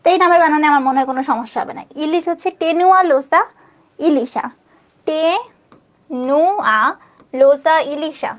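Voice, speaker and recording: Young woman teacher, high voice, spelling names out slow and repeating them, keeps asking "okay?". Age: young adult. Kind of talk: online exam-prep lesson.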